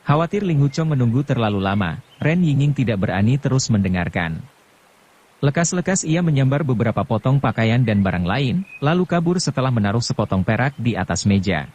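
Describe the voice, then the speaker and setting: A man narrating a martial arts novel as an audiobook, in a steady, calm storytelling manner. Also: medium pitch, fairly quick.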